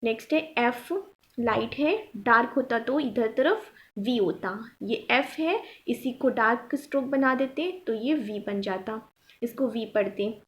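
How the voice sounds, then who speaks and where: A woman's voice: on the high side, measured pace. A woman teaching shorthand step by step, patiently repeating each point and checking that her students follow. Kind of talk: step-by-step tutorial explanation.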